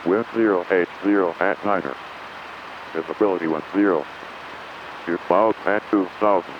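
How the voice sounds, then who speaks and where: Over a muffled aircraft radio and engine noise, a man's low voice reads out an automated airport weather broadcast at normal speed. He recites wind, cloud and runway details in a flat, recited manner.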